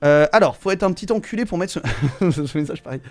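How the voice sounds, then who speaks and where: Streamer guy w a slightly high voice, chill, swears a lot, laughs at chat. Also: a little fast, faint music behind. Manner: relaxed, swears, laughs often, talks to chat. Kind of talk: casual live-stream chat reading.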